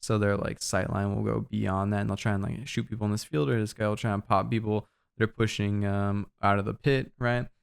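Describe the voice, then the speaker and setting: A man's voice: on the low side, a little fast, creaky, clean tone. Breathless young man explaining game maps. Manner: relaxed, loose, filler-heavy explaining. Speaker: streamer explaining game map callouts. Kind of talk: casual game guide narration.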